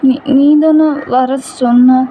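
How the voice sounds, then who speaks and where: A woman's voice: high-pitched, steady tone, takes it slowly, narrow, tinny audio, slight background noise. A woman doing a tearful, hurt young woman. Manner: pleading, crying.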